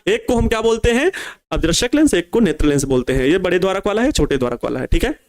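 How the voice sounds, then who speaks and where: Dictating physics answers phrase by phrase for a board exam crash course, the young man speaks in an unusually high, sing-song voice. He slowly goes back over each piece and drops in friendly asides, calling his students babua and babu.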